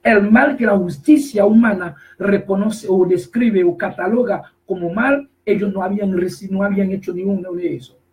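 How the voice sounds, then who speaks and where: A man preaching a sermon, emphatic and repetitive, slowly reading scripture verses and then explaining them. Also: high voice, far from the mic, low-quality recording. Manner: emphatic, repetitive, rises to shouts on key phrases.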